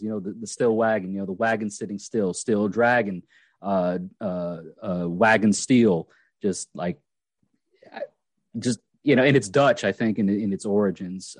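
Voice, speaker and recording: A man's voice: fairly low pitch, no room sound. A man hosting a casual podcast, rambling with many fillers and restarts. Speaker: podcast host.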